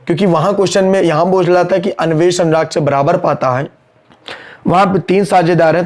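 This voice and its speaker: His voice sits on the high side with a touch of mellowness as he runs an accountancy lesson online, speaking Hindi mixed with English terminology. Calculating out loud, he scolds the class in a brisk way and keeps repeating important lines. His throat sounds sore and strained.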